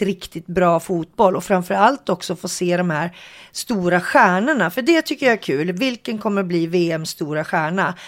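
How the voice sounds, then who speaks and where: Excitable Swedish-speaking woman co-host. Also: on the low side. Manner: emotional, laughs easily, excitable. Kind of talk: casual chat.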